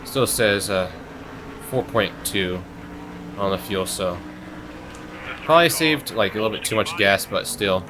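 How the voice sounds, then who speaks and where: A young man hosting a gaming channel, giving casual, chatty gameplay commentary that rambles with fillers and turns excitable. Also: fairly low pitch, a little slow, pauses often, noisy background. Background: game music.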